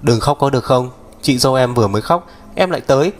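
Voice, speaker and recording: Một người đàn ông đọc truyện, đóng vai người anh trai trẻ bảo bọc, hay ra lệnh, nói chắc nịch kiểu lên lớp. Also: male voice, medium pitch, animated, quick pace, lightly acted. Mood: exasperated. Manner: firm, lecturing. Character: young man, protective bossy older brother.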